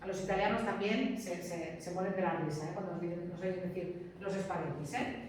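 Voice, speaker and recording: A woman's voice: on the low side, fairly quick, a little mellow, slight background noise. Woman teaching in an echoey classroom. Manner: chatty, peppered with checks for understanding. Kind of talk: classroom lecture. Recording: distant mic in an echoey classroom.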